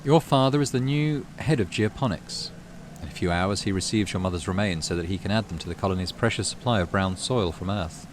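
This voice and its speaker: Hosting a gaming channel, a low-pitched man reads a visual novel aloud with dramatic flair, breaking off for casual let's play asides. He talks a little fast, with game music under his voice and slight background noise.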